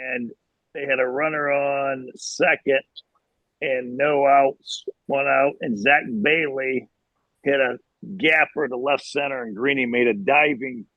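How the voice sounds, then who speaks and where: A man's voice: medium pitch, slow, dry recording, phone-quality sound. A man who played on the team, casually recalling a play from a game. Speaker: former player. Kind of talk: casual reminiscing.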